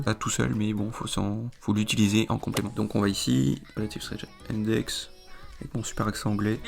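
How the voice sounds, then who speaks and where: A man explaining a trading chart in a screen-recorded tutorial, rambling with many fillers, his voice a little hoarse. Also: fairly low pitch. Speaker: trading video host.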